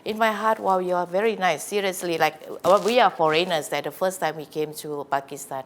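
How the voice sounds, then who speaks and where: A woman speaks in a low, chatty voice as a guest academic. She answers in a loose way, stopping and restarting with many fillers. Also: brisk, a little hiss or hum. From Indonesia. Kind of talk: casual interview answers.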